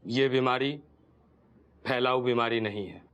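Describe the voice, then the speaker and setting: An actor playing a male doctor who takes gloomy delight in bad news, speaking in a deadpan, sing-song way. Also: medium pitch, unhurried, muffled recording, natural voice. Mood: morbid.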